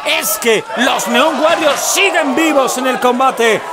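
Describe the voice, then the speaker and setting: A male wrestling commentator from Spain calls the action in a very high, straining shout. His Castilian delivery is emphatic and excited. A loud crowd and heavy noise surround him in the venue. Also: takes it slowly. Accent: Spanish from Spain. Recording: noisy event hall with loud crowd.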